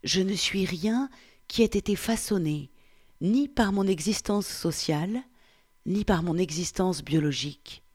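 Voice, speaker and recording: A woman reading the part of a 47-year-old Frenchman, reciting in a slow, hushed, meditative way. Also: fairly low pitch, husky. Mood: contemplative. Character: 47-year-old French man, pondering who he is. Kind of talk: reading a novel aloud.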